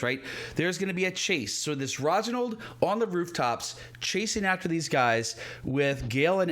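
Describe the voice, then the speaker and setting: A man's voice: on the high side, a bit bright. A man as game master, casually and playfully narrating a tabletop fantasy game. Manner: playful, informal.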